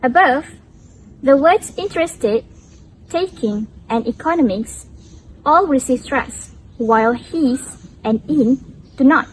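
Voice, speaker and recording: A woman's voice: high-pitched, animated, slow, a little hiss or hum, poor audio. A young woman student presenting a scripted lesson on English pronunciation in a careful, explanatory way. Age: young adult. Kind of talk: scripted educational narration.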